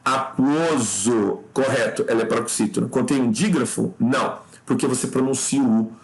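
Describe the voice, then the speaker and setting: Walking through each answer of an exam review, this Brazilian teacher explains things step by step. Short asides like "tá?" come often, he addresses the listener as "cara," and his voice leaps higher for emphasis.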